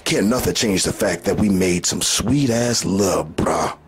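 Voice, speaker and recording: A man's voice: low voice, a little slow, slightly rough, exaggerated voice. A man playing a blunt, cocky streetwise lover in a comic monologue, talking in brash casual slang.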